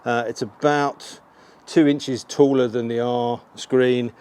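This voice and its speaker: A middle-aged man vlogs casually, walking the camera through his motorcycle gear in an informal way. His medium-pitched voice is slow, darkish, and fairly flat in pitch, with ambient background noise clearly audible.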